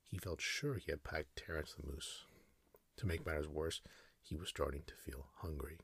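A man narrating a sleep story in a soft, slow ASMR whisper. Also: extremely low pitch, steady tone, breathy edge, dry recording.

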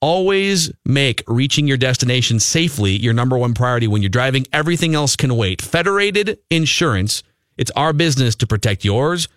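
A man's voice: medium pitch, animated, brisk, fairly bright tone, no room sound, clean studio sound. A man with an American accent talking as a sports talk radio host, conversational and ad-libbing between banter and live reads.

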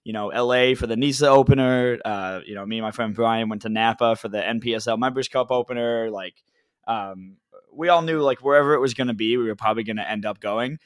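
A man's voice: medium pitch, a little fast, clear, resonant tone, no room sound. A young man chatting casually as a podcast guest, very informal, with lots of "like" and "you know". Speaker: podcast guest, soccer supporter. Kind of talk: casual chat.

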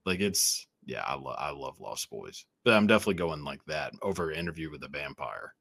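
A low-pitched man with a standard American accent, hosting a casual comedy podcast. His intonation moves around a lot, and the sound is close and dry. He tends to double up on short phrases. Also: expressive, fairly quick, creaky, a bit bright, dry recording. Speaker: podcast host.

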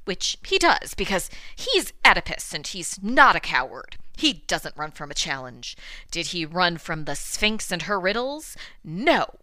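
A woman's voice: fairly low pitch, big pitch swings, unhurried, bright, forceful tone, no room sound. A middle-aged woman hosting a classics podcast, giving a scripted lecture with wry, dry asides. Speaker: podcast host teaching classics.

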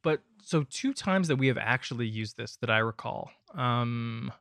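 A man's voice: medium pitch, expressive, moderate pace, gravelly, fairly bright tone, no echo, studio quality. A man, co-hosting a gaming podcast with casual, conversational talk. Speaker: podcast co-host.

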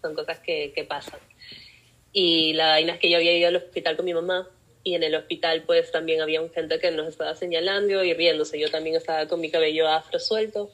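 A young woman speaks with a Peruvian Spanish accent and a somewhat low voice. She tells her story with animation as an interview guest, often slipping into the voices of the people she quotes. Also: little pitch movement, brisk, a bit bright, low-quality recording. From Peru. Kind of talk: personal storytelling in a podcast interview.

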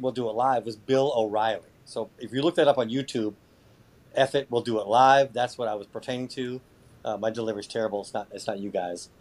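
A man chatting casually as a podcast guest, sarcastic and foul-mouthed, with mock boasting. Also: medium pitch. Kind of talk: casual chat.

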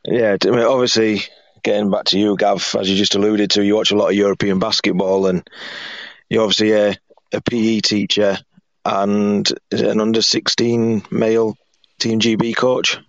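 A man with a hoarse, croaky frog-in-the-throat voice, hosting a casual sports podcast. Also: on the low side, little pitch movement, normal speed, no room sound, dull audio. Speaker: podcast host.

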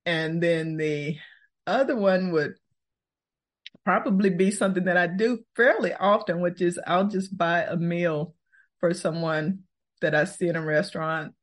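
A woman, answering interview questions in a thoughtful, unhurried way and laughing easily. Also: low-pitched. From Texas, US. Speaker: podcast host, guest.

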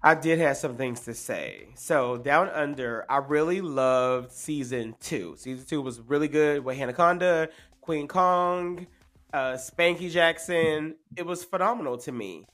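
A man's voice: fairly high pitch, unhurried, fairly bright tone, soft background music. A man co-hosting a casual podcast, giving opinions in slangy drag-scene phrases. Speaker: podcast co-host.

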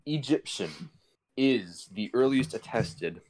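A man's voice: medium pitch, lively intonation, slow, a little mellow, rough recording. A man guest on a chat podcast, explaining language history in a casual, irreverent, slangy way over a video call.

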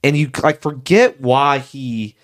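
A man's voice: medium pitch, slow pace. A man co-hosting a casual podcast, telling stories in a rambling, enthusiastic way. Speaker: podcast co-host. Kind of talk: casual chat.

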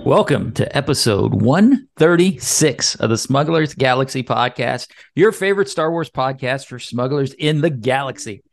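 A man's voice: mid-range voice, animated, normal speed, vocal fry, few pauses. A man hosting a podcast in an easygoing, casual chat with his co-host.

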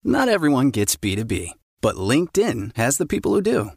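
Lively promotional ad-read man. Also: mid-range voice, moderate pace, no room sound, studio quality. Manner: smooth, promotional. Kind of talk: scripted ad read.

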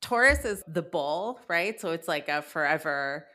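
A woman's voice: low voice, animated, measured pace, bright, forceful tone. A woman co-hosting a podcast, musing aloud in a casual, easy-laughing way. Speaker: podcast co-host.

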